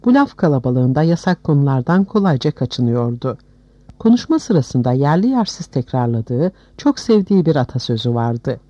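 A man narrating a historical novel as an audiobook with a steady, expressive reading. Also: medium pitch, normal speed, no room sound, muffled recording.

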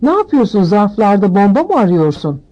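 A woman voicing a blustering, bad-tempered middle-aged uncle who snaps gruffly. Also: medium pitch, big pitch swings, brisk, dark tone, lo-fi sound. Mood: snapping.

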